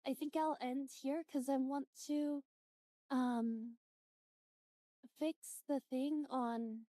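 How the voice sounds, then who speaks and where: High-voiced woman chatting unhurriedly on a stream. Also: dark tone, no echo. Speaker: livestreamer. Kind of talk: casual livestream chat and reactions.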